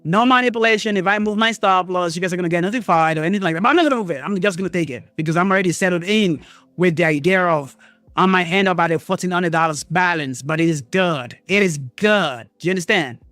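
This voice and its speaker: Heard in a dry recording, this fast-talking host of a live trading stream thinks aloud, swears and addresses viewers with excitement. He alternates between loud bursts and quiet muttering.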